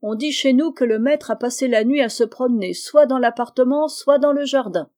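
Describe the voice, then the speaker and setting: A woman reading aloud plays a gossipy older coachman with a folksy, chatty manner. Her voice is mellow and dark in tone, a little louder than her narration. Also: high voice, normal speed, voice pushed up, close to an everyday voice. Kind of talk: audiobook reading.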